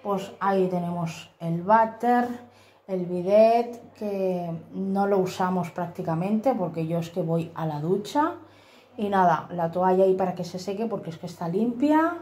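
Filming on her phone, a woman from Spain shows viewers around her small, dimly lit flat in a homely, apologetic way, peppering her talk with fillers and "¿vale?". Her voice sits on the low side and her pace is measured. Tiled rooms give an echo, and there's slight hiss or hum.

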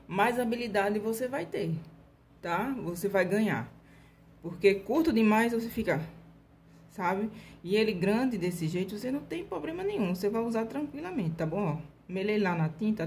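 A Brazilian woman with a medium-pitched, darkish voice hosts a casual nail art tutorial, with slight background noise. Chatty and speaking with a Brazilian Portuguese accent, she paints slowly and deliberately, showing brush strokes step by step while constantly checking in with viewers.

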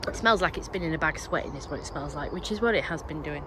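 A woman with a somewhat low voice talks casually while she works outdoors, explaining each step as she goes. Wind and outdoor noise sit clearly behind her. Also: quick pace. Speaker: gardening vlogger. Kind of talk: casual walk-through chat. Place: outdoor allotment, windy. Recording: noisy outdoor recording. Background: wind and a strimmer.

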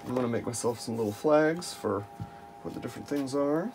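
This maker speaks a little fast at a medium pitch, casually walking through his hands-on DIY project and musing as he goes. He's in a cluttered indoor home workshop, heard on a noisy camera recording over loud music.

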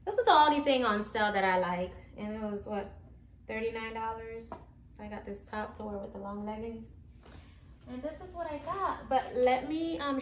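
A woman's voice: on the high side, a little hiss or hum. A woman in her thirties casually chatting through a shopping haul in her living room, filmed by a camera across the room. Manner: chatty, showing items one by one. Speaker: vlogger. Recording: echoey room.

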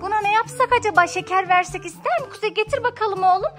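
A mother with a very high voice chats brightly to her little ones, coaxing and encouraging them as they play. Her casual family-vlog talk has music playing behind it. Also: fast. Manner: lively, coaxing, talks to small children.

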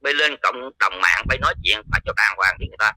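A man's voice: on the low side, quick pace, pushed and bright, poor audio. A man with a Southern Vietnamese accent, a lay follower of a religion, giving a heated, coarse, confrontational rant. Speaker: Cao Dai lay follower.

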